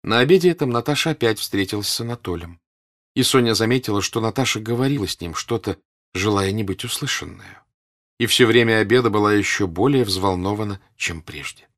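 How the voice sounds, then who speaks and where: A man giving a measured audiobook reading of a classic novel. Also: fairly low pitch, a bit bright. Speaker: narrator.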